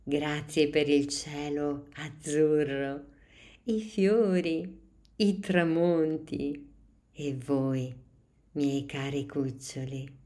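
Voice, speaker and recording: A woman doing a kind, gentle schoolteacher. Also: deep voice, slow pace. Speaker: teacher figure.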